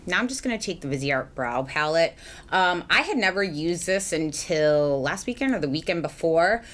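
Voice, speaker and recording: A woman's voice: deep voice, animated, moderate pace, a bit bright. A young adult woman chatting casually through a makeup routine as a beauty vlogger, rambling with many ums and likes. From Massachusetts. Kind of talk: casual get-ready-with-me chat.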